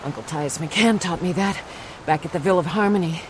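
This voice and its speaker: A woman's voice: lowish voice, a little fast, lightly acted. Woman playing watchful lookout, noisy sea-adventure ambience. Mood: stern, cautious. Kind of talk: dramatised adventure audiobook acting.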